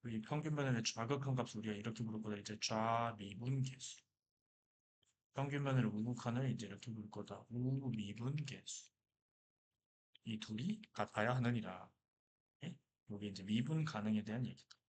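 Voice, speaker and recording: A man's voice: on the low side, normal speed, slight background noise. A man teaching a math lecture who keeps asking questions and answering them himself. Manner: lively, asks and answers his own questions.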